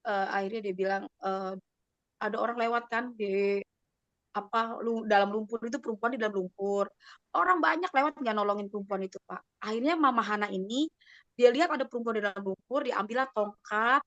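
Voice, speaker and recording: A woman's voice: medium pitch, brisk, a bit bright, no echo, dull audio. A woman giving a personal testimony on a video call, telling her story with animation and acting out the voices of others.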